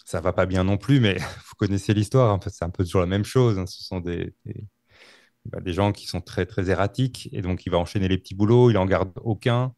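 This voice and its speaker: Gravelly low-voiced man. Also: darkish tone, dry recording, clean studio sound. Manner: halting, many fillers and restarts. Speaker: podcast co-host telling a true-crime story. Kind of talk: casual storytelling.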